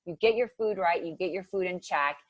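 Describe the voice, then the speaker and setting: A fairly low-pitched woman speaks fairly quickly, and the audio is dull with no room sound. In her thirties and from Ohio, USA, she's chatting as a podcast guest about nutrition coaching, filling her talk with "like" and acting out quotes.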